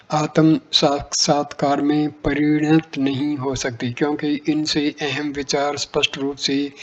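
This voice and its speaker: A man with a somewhat high voice reads spiritual teachings in a slow, measured way. His pitch barely moves, so the reading sounds even and steady. The recording is dull and lo-fi.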